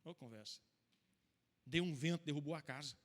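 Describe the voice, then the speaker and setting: A Brazilian pastor preaching a sermon, telling his own story with emotional, emphatic swings in volume. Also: fairly high pitch. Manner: emotional storytelling preacher, rising to loud, slow emphatic lines. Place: church hall. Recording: long church-hall reverb.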